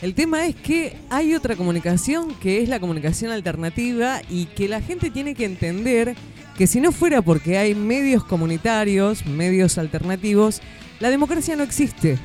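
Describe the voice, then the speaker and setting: A man's voice: sits high, animated, normal speed, darkish tone, faint music behind. A man co-hosting a casual radio show, easygoing but earnest when making a point, with an Argentine accent. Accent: Argentine Spanish. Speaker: radio co-host.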